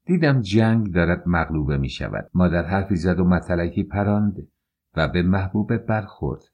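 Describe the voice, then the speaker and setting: A man narrating an audiobook in the first person, calm and measured. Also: sits low, dull audio.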